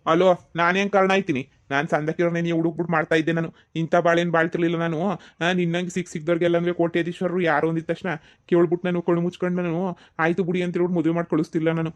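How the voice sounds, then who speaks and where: A man's voice: on the high side, level tone, fast talker, close to an everyday voice. A man playing a teasing village brother in a comedy skit. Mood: defensive. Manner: teasing, mocking sing-song. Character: mocking village brother, young adult man.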